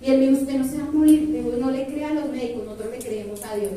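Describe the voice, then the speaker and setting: A high-pitched woman preaches to her congregation, lively and playful, sometimes singing her lists. Her voice is mellow rather than bright. It comes from a distance in a very echoey church hall. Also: very fast, slight background noise. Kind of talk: sermon. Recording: very echoey hall, far from mic.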